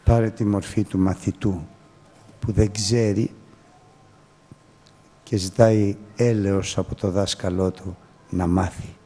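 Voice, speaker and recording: A man preaching a sermon earnestly, often dropping to a quiet voice and sometimes rising to sudden exclamations. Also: low voice, steady tone, long pauses, slightly rough, big-room sound.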